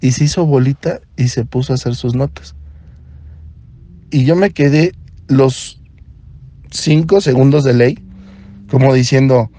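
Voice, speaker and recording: A man with a Mexican accent, a podcast host and doctor, telling a story in an animated way and acting out the dialogue. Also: medium pitch, unhurried, pauses often. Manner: animated, acts out dialogue in other voices. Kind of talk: storytelling monologue.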